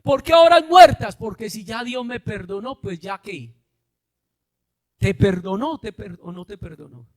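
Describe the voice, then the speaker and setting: A man preaches a sermon in a very high voice. He keeps throwing questions at his congregation and often climbs to a shout. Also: a little slow, gravelly. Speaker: pastor.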